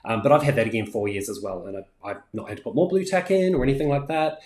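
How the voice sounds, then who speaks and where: A man in his forties with a New Zealand accent hosts a casual craft livestream from his home craft room, reading viewer comments, chatting with plenty of ums, and laughing easily. His mid-range voice is fast with lively intonation, picked up by a fixed camera at desk distance in an echoey room with background noise.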